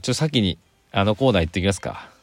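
Middle-aged guy, very low voice, chatting loose and rambly, dry close sound in a parked car, faint music under. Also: lively intonation, quick pace, creaky, dry recording. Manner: rambling, many fillers and self-corrections. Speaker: podcast host. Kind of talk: casual solo chat. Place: inside a parked car in a garage.

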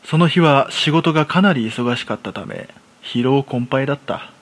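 In a radio drama, a man voices a self-deprecating shut-in in his thirties recounting his own horror story. His mid-pitched delivery is rough, colloquial and masculine, animated and at normal speed, with a jittery temper and a wry, weary mood.

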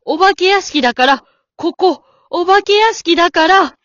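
A woman's voice: very high voice, expressive, normal speed, a bit bright, no room sound. Woman playing a stern, composed old wife. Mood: calm. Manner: polite, cool, scolding. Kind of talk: amateur radio drama. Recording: dull dry lo-fi recording.

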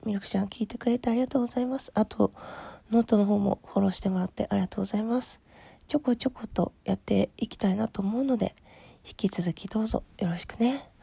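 A woman with a husky, rough morning voice, hoarse from sleep, chatting casually and politely as a podcast host replying to listener letters, often trailing into soft murmurs. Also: mid-range voice, fast, dry recording. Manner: polite, appreciative. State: hoarse from having just woken up.

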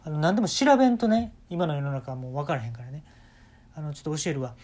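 A man's voice: on the high side, fast, a little mellow, lightly acted. A man voicing a chatty, know-it-all female mole mother with a Kansai accent, who lectures and teases. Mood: lecturing. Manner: confident, lecturing, teasing.

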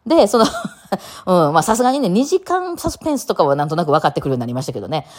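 A woman with a Kansai Japanese accent hosts a casual solo talk show podcast, her lowish voice very animated and racing. She rambles chattily, laughing often between many fillers.

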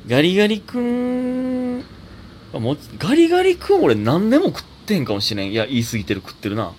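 A young adult comedian with a Kansai accent, hosting a solo casual talk show and reading listener mail in a chatty, self-teasing way. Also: male voice, mid-range voice, fast, a little hiss or hum. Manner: chatty, self-teasing, animated, laughs often. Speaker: comedian podcast host.

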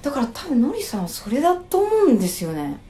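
A woman comedian in her thirties, hosting a casual radio chat and telling stories in an animated way, with sudden excited outbursts. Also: fairly high pitch, fast, roomy sound. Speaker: comedian and impressionist host.

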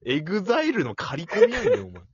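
Man, playful teasing banter, husky voice, dry dull recording. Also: high-pitched, wildly swooping pitch, fast talker, dry recording. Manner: playful teasing, bursts of laughter. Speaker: podcast co-host. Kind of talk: casual joking chat.

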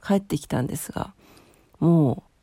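Hungover, exhausted woman with a creaky voice. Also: low-pitched, moderate pace, dark tone, no room sound, clean studio sound. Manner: apologetic. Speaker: solo audio show host and DJ. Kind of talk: casual solo talk to listeners.

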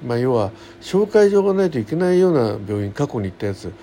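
Here a middle-aged man runs his own radio show, telling loose, colloquial stories about daily life in a relaxed solo chat. He speaks quickly at a medium pitch, mellow and sing-song. Faint noise sits in the background.

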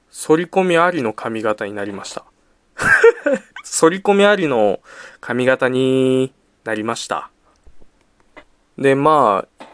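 A young man hosting a casual solo talk show, telling a story with a lot of energy. His voice jumps up when he gets excited, and he laughs often between lines. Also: mid-range voice, no echo. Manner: animated storytelling, voice jumping up in excitement; frequent laughter. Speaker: podcast host.

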